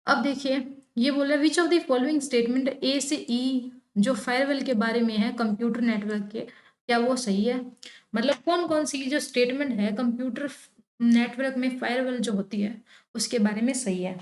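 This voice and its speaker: A woman's voice: fairly high pitch, moderate pace. A young woman teaching exam questions, stressing key words with a tone that rises and falls. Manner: expressive, stresses words with rising and falling tone. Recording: echoey room.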